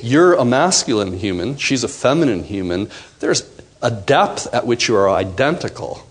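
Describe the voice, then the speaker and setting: A workshop teacher leads a live seminar, speaking at medium pitch and normal speed. He's animated, acting out quotes and throwing questions to the room.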